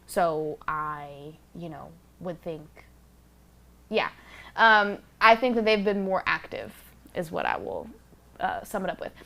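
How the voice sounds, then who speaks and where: A woman's voice: lowish voice, sing-song, slow pace, vocal fry, sharp tone. A woman hosting a casual solo podcast, talking candidly and bluntly and swearing freely into a close microphone. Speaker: podcast host.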